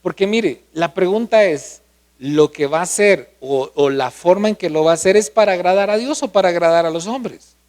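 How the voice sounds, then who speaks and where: A man's voice: high voice, normal speed, darkish tone. A male pastor preaching a sermon, often asking the congregation questions.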